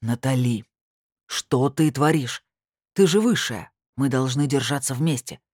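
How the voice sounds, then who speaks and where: Lucifer, a proud man among the higher beings, argues indignantly and growls his warnings, as a woman reader voices him. The recording is close and dry. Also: moderate pace, a little mellow, slightly rough, no echo, heavily acted.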